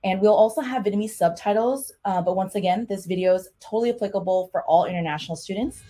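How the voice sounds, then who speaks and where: A woman's voice: medium pitch, fast, noisy background. Upbeat woman hosting an advice panel. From California. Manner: friendly, upbeat presenter. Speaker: host, college and career advisor. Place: home room with shelves. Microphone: webcam video call.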